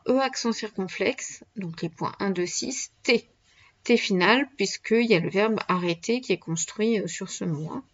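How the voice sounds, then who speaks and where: A woman's voice: mid-range voice, dull audio. A woman teacher giving a dictation, spelling words letter by letter and patiently explaining grammar as she goes. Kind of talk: dictation lesson.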